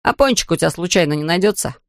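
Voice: medium pitch, lively intonation, fast talker, gravelly, dry recording. A reader voicing a cheeky, cheerful young man who jokes casually, read close to a dry studio mic.

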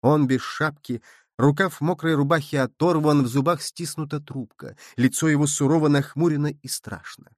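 A man reading a literary story aloud in a measured, expressive narration. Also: on the high side, no room sound, clean studio sound. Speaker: audiobook narrator.

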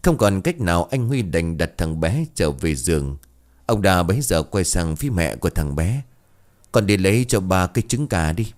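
A man narrating a ghost story in a lively, dramatic way. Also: deep voice.

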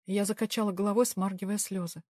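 A woman's voice: mid-range voice, fairly even intonation, fast talker, a little mellow, dry recording, studio quality. A woman narrating a first-person audiobook in a tense, emotional manner.

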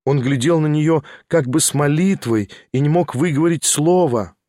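A male narrator reads a classic novel in a measured, expressive manner. His voice sits slightly high for a man. The recording is close and dry, with no room sound. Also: no echo. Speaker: audiobook narrator. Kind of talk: scripted literary narration.

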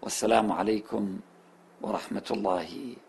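A man giving a religious talk, telling a moral story in a storytelling manner that rises sharply and then falls to soft, quiet endings. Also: on the low side, normal speed. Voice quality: husky. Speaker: religious speaker.

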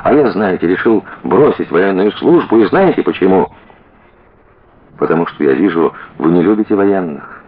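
A man reading aloud and voicing a young hussar officer who gushes rapturously and haltingly. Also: low-pitched, expressive, narrow, tinny audio. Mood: gushing.

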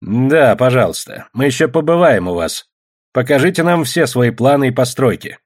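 Man doing a stern official, probing questions, husky, audiobook. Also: mid-range voice, expressive, moderate pace, lightly acted. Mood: questioning. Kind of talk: audiobook narration.

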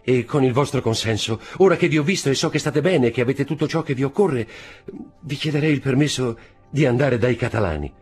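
A man's voice: mid-range voice, brisk, breathy edge, soft background music, voice pushed up, natural voice. A man reading an audiobook, voicing an earnest, hopeful young sailor who speaks eagerly and respectfully.

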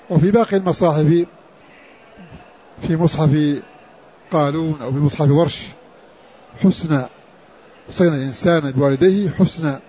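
A man teaching a slow, scholarly lesson on Quran orthography. He speaks in a measured way and repeats key words for emphasis. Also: fairly high pitch, mellow, slightly rough. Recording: dull lo-fi recording.

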